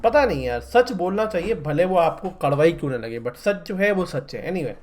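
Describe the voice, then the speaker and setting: A man's voice: on the high side, sing-song, moderate pace, a little mellow, a little hiss or hum. Chatty young man reacting bluntly. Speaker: reaction video host. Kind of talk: casual reaction commentary.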